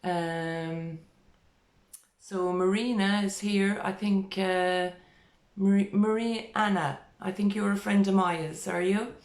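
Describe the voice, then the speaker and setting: A woman's voice: medium pitch, fairly even intonation, slow, a little mellow, roomy sound. A middle-aged woman hosting a casual live-stream interview, chatty with many fillers and restarts. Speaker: host. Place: small room indoors.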